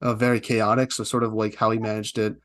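A young man hosting a casual sports podcast, relaxed and a bit hesitant, with frequent fillers. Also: fairly low pitch, quick pace. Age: young adult. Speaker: podcast host. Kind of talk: casual interview chat.

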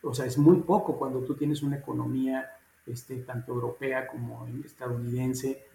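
A man's voice: medium pitch, little pitch movement, normal speed, creaky, warm tone, echoey room, slight background noise, poor audio. A man with a Mexican accent, a guest in a casual interview, talking emphatically and informally. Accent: Mexican Spanish. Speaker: guest, housing executive.

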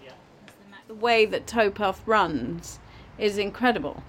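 A woman's voice: medium pitch, expressive, a little slow, a little hiss or hum. A woman who is a head chef, talking enthusiastically about her kitchen and its food in a casual conversation.

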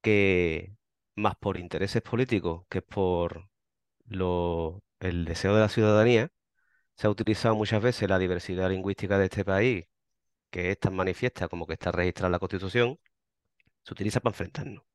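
Low-voiced Andalusian man explaining patiently. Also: fairly even intonation, normal speed, smooth, no room sound, studio quality. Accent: western Andalusian Spanish. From western Andalusia, Spain. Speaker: interview guest, member of a volunteer group. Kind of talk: explanatory interview answers.

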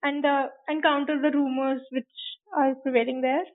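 High-voiced woman hosting a podcast. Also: little pitch movement, normal speed, phone-quality sound. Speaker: podcast host and interviewer. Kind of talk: podcast presenting and interviewing.

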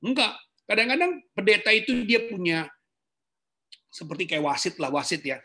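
A man preaching a sermon to his congregation, dropping into low asides and rising into emphatic bursts. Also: big pitch swings, moderate pace, pushed and bright. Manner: addresses congregation as "saudara", swings between low asides and high emphatic bursts. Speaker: pastor.

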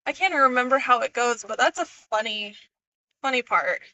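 A woman who is a guest on a podcast, chatting casually and quick to chime in. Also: on the high side, bright, forceful tone, dry recording, low-quality recording. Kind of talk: casual chat.

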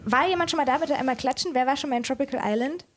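A woman's voice: sits high, racing, slight background noise. A woman host chatting enthusiastically with an author at a live reading event. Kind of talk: casual moderated chat.

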